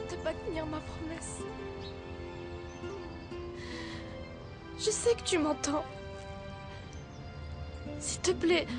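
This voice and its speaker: An actress dubbing an emotional young heroine who feels wronged and pleads for fairness. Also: female voice, extremely high pitch. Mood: hushed. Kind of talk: dubbed telenovela acting. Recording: music under dialogue.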